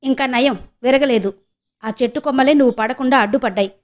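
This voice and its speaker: A woman's voice: sits high, fast, close to an everyday voice. A woman voicing a blunt young man who scolds and fires questions at a friend in an audiobook. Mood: scolding.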